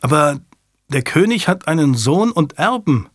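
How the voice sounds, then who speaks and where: A man's voice: a little high, sing-song, unhurried, no echo, clean studio sound, voice pushed up. A man voicing an earnest, uneasy young nobleman with a raised voice.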